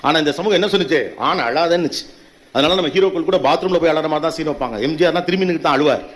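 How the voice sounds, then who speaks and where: A man's voice: on the high side, racing. A man giving a motivational speech to an audience, emphatic and full of rhetorical questions and punchy repetitions. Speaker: motivational speaker.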